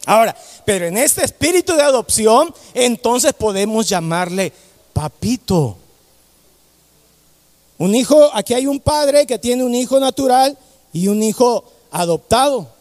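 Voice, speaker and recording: A man's voice: very high voice, lively intonation, moderate pace, a little mellow, big-room sound. A man preaching a fervent sermon, repeating key phrases and calling the congregation 'brother'.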